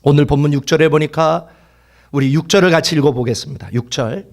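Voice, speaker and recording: A male pastor preaching a fervent sermon, swinging from loud exclaiming to hushed whispers and having the congregation repeat lines after him. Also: on the high side, a little fast.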